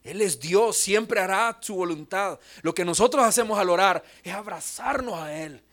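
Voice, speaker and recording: A man's voice: sits high, normal speed, fairly bright tone. A young adult man, a pastor, preaching a sermon, telling a personal story and then pressing his point with emphatic calls to prayer. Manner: earnest preaching with a personal anecdote, rising to emphatic exhortations.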